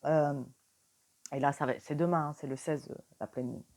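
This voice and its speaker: A woman's voice: low voice, steady tone, normal speed, a little mellow. A tired young woman giving a casual card reading, chatting straight to the viewer with many fillers. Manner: whispers questions to the cards. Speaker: tarot reader.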